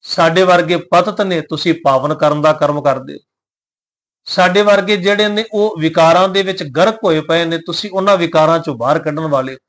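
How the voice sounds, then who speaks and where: A man with a fairly high voice teaches how to recite scripture. He chants each verse slowly and deliberately, then explains it in a calm, plain, respectful way. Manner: addresses listeners respectfully and humbly.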